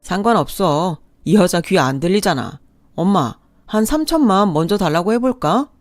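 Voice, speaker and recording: Woman doing a sneering greedy son, lowish voice, dry sound, radio drama. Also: expressive, moderate pace, no echo, soft background music, lightly acted. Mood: contemptuous. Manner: contemptuous, mocking. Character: scheming mocking adult son.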